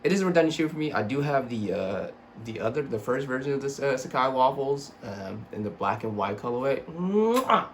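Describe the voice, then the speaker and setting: A man's voice: medium pitch, a little fast, few pauses. Sweary young man with braces, noisy recording. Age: young adult. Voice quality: slightly slurred speech from braces. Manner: sweary, self-deprecating, rambling. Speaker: sneaker reviewer. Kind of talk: casual vlog review. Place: small home room with computer desk.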